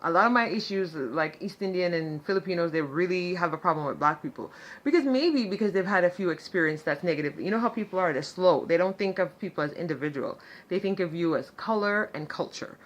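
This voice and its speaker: A woman telling a story in a casual vlog, chatty and animated, full of fillers and sarcastic asides. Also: fairly low pitch, fairly quick. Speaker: vlogger.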